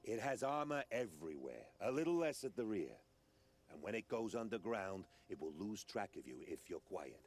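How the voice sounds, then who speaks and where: A low, husky game character, a cynical battered mercenary. His delivery is wry and grim, rising and falling expressively with dry sarcasm. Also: big pitch swings, moderate pace, darkish tone, faint music behind. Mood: sardonic, resigned. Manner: sardonic, dry. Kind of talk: video game dialogue acting.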